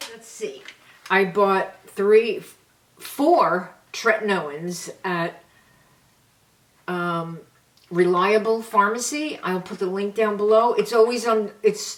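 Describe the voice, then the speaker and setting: Unhurried older New woman, distant mic. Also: on the low side. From New York. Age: 70s. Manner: chatty, homey, shows items one by one. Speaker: beauty vlogger. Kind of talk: casual product chat to camera. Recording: slightly distant mic with faint hiss.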